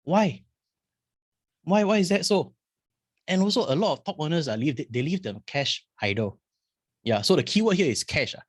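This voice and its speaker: A man's voice: on the high side, animated, moderate pace, pauses often, no room sound, clean studio sound. A man in his twenties with a Singaporean English accent, giving an earnest webinar presentation with many fillers. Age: 20s. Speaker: guest speaker.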